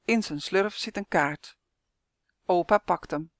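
A woman author reading her own children's storybook aloud, clear and expressive. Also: on the low side, slow, no echo, clean studio sound. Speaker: author and narrator.

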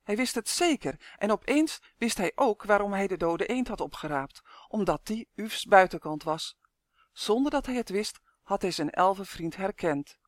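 A woman reading a children's storybook aloud with expressive, lively storytelling. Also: mid-range voice, moderate pace, no echo, studio quality. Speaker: narrator.

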